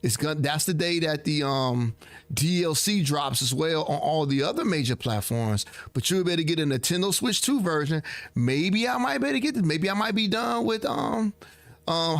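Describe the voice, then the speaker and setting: A man hosting a casual trailer reaction, talking in a halting way and repeating words as he goes. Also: fairly high pitch, no echo. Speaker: host reacting to game trailers. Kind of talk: casual commentary.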